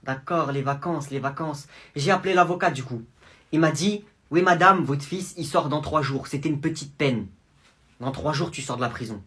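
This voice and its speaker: A man voicing a stern, furious mother who scolds her son in a low, menacing tone, in a comedy sketch. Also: moderate pace, sharp tone, husky.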